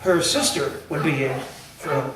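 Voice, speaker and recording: A man's voice: on the high side, normal speed, crowd noise. Man telling stories far from the mic. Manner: rambling storyteller with restarts, acts out quoted lines. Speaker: co-host. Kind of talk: casual chat, retelling movie scenes and jokes. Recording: roomy, distant mic with faint hiss.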